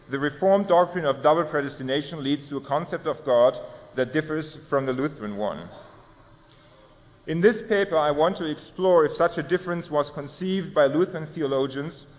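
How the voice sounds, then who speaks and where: A man reads his prepared theology paper aloud in a formal, measured way and fixes small slips as he goes. His voice sits a little high for a man. The sound carries a long hall reverb, as in a lecture room. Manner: measured, formal delivery with small self-corrections. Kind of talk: reading a prepared academic paper.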